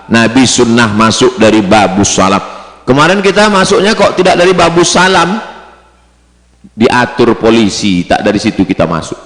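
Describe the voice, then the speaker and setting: A male preacher giving a sermon to pilgrims, rising into high chanted Arabic phrases and dropping low and quiet. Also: very animated, moderate pace. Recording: echoey hall sound.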